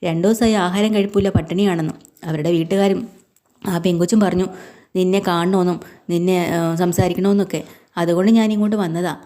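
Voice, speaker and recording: Brief: woman retelling as a blunt, angry working man, gruff and short-spoken, in a low, mellow tone. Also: fairly even intonation, brisk, natural voice. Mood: curt, irritated. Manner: gruff and curt.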